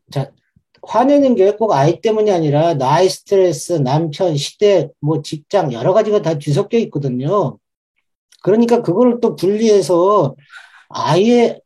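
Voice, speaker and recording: A man speaking as a parenting expert to a live audience of mothers, explaining in a lively way and acting out inner voices. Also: high-pitched, slightly rough. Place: talk event with live audience.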